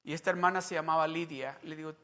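A man's voice: a little high, steady tone, quick pace, bright, forceful tone. A man preaching a sermon, telling a personal story in a conversational way and acting out remembered dialogue. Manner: conversational, with restarts and asides to the congregation. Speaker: pastor.

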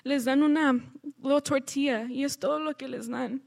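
A woman's voice: high-pitched, fairly even intonation, normal speed, creaky. Earnest woman sharing a church testimony. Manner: earnest, conversational storytelling with restarts.

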